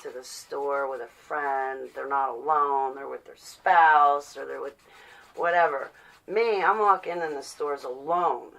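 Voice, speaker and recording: This vlogger's voice sits low and gravelly yet fairly bright, captured on a rough recording. She goes on a rambling, opinionated monologue, swearing and playing out imaginary quotes along the way.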